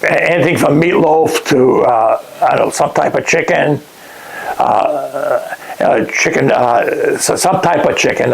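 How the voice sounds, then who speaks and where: An older man, recalling lodge days in a casual interview, halting and restarting often. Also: on the high side, vocal fry, rough recording. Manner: halting, many restarts, chuckles at his own remarks. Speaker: interviewee, past lodge master. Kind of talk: casual oral-history interview.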